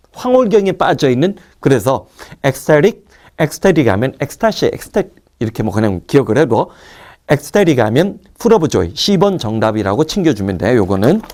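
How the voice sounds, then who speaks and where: A man teaching an English vocabulary lecture, drilling word roots with quick asides to his students. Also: medium pitch, darkish tone. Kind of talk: recorded online lecture.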